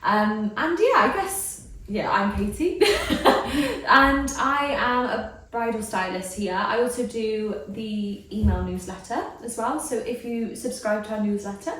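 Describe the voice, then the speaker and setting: A woman's voice: a little high, lively intonation, measured pace, fairly bright tone. A chatty, giggly woman hosting a casual podcast. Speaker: podcast host, bridal stylist. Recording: echoey room, distant from mic.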